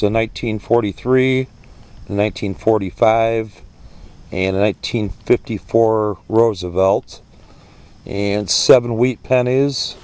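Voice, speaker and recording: A man's voice: lowish voice, a little mellow. A man narrating his finds in a casual, understated vlog style, recorded outdoors on a handheld camera. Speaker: metal detecting hobbyist, vlogger. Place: outdoors, grassy ground by a parking lot. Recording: outdoor ambient noise, faint insects.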